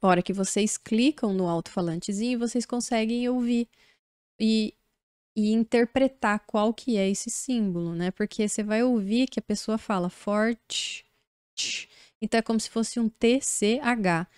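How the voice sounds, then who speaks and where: A Brazilian woman English teacher giving an online lesson, explaining slowly and patiently and checking in with her students often. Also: fairly high pitch, darkish tone, clean tone, dry recording, studio quality. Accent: Brazilian Portuguese.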